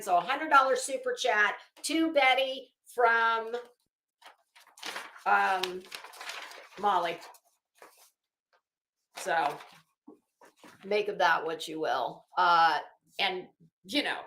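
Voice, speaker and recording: A woman with a fairly high, sharp-toned voice performs a dramatic reading of documents as an online host. She veers off into profane, sarcastic, brash commentary, and the recording has an echoey room sound.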